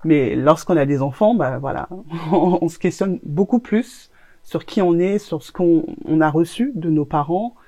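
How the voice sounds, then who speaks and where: A woman's voice: sits low, normal speed, dark tone, dry recording. A woman who grew up in Congo, co-founder of a brand, answering interview questions in a reflective, earnest way. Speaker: co-founder of a natural products brand.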